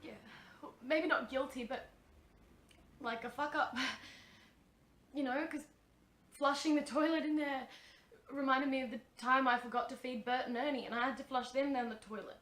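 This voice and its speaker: A young Australian woman performing a wry, confessional theatre piece, swinging between loud and hushed lines. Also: high voice, steady tone, moderate pace, pauses often. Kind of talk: theatrical monologue and scene. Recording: echoey room.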